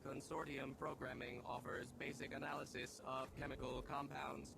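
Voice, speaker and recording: An actor playing a male medical care robot who speaks in flat, formal machine phrasing with polite but blunt bedside commands. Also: medium pitch, moderate pace, creaky. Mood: clinical. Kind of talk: video game voice acting. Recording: game audio with steady background noise.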